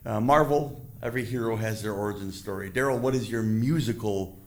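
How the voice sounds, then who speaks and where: A man's voice: fairly low pitch, fairly quick, a little hiss or hum. A man hosting a casual interview, joking and effusive, rambling his way into questions. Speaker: interviewer, host.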